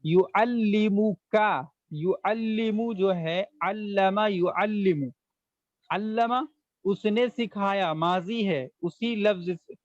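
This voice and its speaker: A man teaching an online language lesson, explaining slowly word by word and repeating each phrase in translation. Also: sits high, no room sound, muffled recording. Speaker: Arabic teacher.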